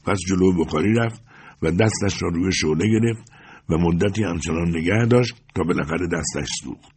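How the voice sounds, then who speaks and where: A man reads a story aloud in a steady, measured way. His voice sits very low and has a husky texture. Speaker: narrator. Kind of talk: audiobook story narration.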